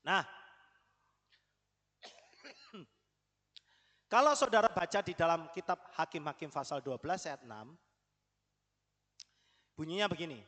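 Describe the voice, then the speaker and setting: A man's voice: fairly high pitch, lively intonation, slow, long pauses, pushed and bright, big-room sound. A man preaching a sermon in a conversational way, often putting questions to the congregation.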